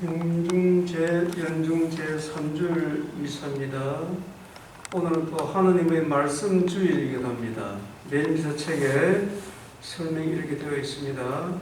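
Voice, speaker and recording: A male priest leads Mass with formal, recited delivery. His voice sits a little high and comes from a distance, washed in strong church echo over faint noise. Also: a little slow, darkish tone. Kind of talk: liturgical speech and prayer. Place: large echoing church during Mass.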